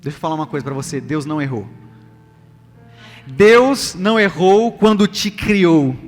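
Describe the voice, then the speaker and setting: A male pastor preaching live in a large church hall has a high, fairly bright voice and a Brazilian accent. Emphatic and repetitive, he poses rhetorical questions to those gathered, while music runs under the long hall reverb.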